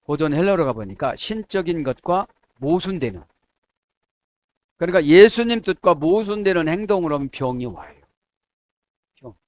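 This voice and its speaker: A middle-aged man preaching a sermon as a pastor, checking in with his listeners and acting out quoted prayers in a softer, lower voice. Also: lively intonation, normal speed, long pauses, no room sound. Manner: asks the congregation "에?" to check agreement.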